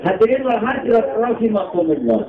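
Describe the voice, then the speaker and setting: A man with a Sundanese accent preaching a humorous sermon, jokey and swinging from low asides to high exclaimed phrases. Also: very animated, a little fast, noisy background. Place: outdoor gathering by a slope. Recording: roomy, distant, dull PA sound with crowd.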